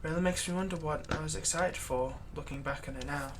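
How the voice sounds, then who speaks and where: This dramatic ASMR roleplay monologue features a woman with a natural, lowish voice as a vampire's long-suffering human thrall, sounding weary and regretful. She talks in a halting, conversational, sardonic manner, emphatic when aggrieved, as the exasperated thrall pleads and then turns menacing toward her master. Some noise is present in the background.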